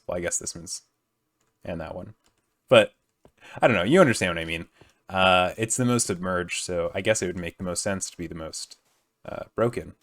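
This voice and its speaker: A young man talks through his gameplay in a deep, low voice that still sounds groggy from just waking up. He rambles casually, loses his thread, corrects himself and fills the gaps with ums and likes. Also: fairly bright tone. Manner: rambling, many fillers and self-corrections. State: groggy morning voice. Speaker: gaming video host.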